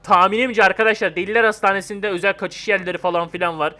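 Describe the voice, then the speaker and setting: A young man giving excitable, chatty let's-play commentary on a horror game and talking straight to his viewers. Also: sits high, fast. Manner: excitable, chatty, talks to viewers as "abi" and "arkadaşlar". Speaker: gaming YouTuber.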